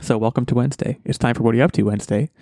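A man's voice: medium pitch, fairly even intonation, rapid-fire, mellow, no echo. A man hosting a podcast in casual chat, rambling and joking with lots of fillers and restarts. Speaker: podcast host.

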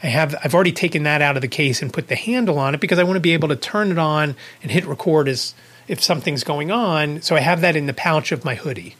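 A man's voice: a little high, quick pace, fairly bright tone. Rambling man telling a podcast story. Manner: rambling, self-correcting, with chuckling asides. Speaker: podcast host. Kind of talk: casual storytelling monologue.

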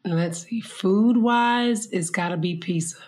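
Animated woman telling funny stories. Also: medium pitch, slow. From Chicago. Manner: animated storyteller, acts out quoted voices. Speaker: guest. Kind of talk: casual chat. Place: abroad, living in Thailand.

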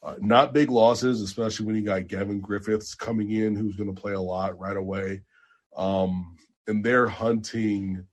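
A man co-hosting a podcast, chatting casually about basketball transfers with animated jumps in excitement. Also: lowish voice, moderate pace. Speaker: podcast co-host. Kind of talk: casual sports chat.

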